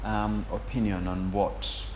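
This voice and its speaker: Male interviewer, fairly deep, formal and deliberate with mid-sentence pauses, roomy echo, slight background noise. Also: flat delivery, darkish tone. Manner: measured, wordy, pausing mid-sentence. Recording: echoey room with faint noise.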